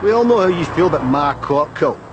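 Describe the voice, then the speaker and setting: An actor plays a stern brother and new father who speaks coldly and reproachfully, a little high in pitch. Steady background noise runs under him. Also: brisk, lo-fi sound, natural voice. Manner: cold, reproachful. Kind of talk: soap opera acting.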